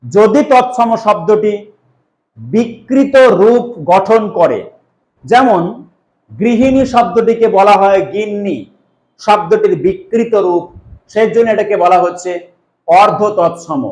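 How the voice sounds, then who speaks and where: High-voiced man teaching in an echoey room. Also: animated, a little mellow. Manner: drawn-out explaining, asks questions then answers them himself. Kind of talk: exam-prep grammar lesson.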